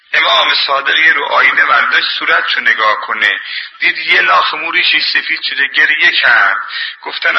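A man's voice: a little high, gravelly, muffled recording. A man preaching a sermon in an impassioned, colloquial scolding manner, telling anecdotes.

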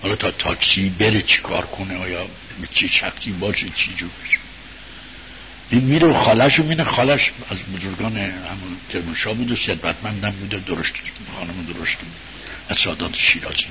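A man giving an informal religious talk, telling a story to his listeners in a conversational way, rising to loud bursts and sinking to quiet murmurs. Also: sits low, steady tone. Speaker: religious speaker addressing an audience. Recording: dull lo-fi recording with faint hiss.

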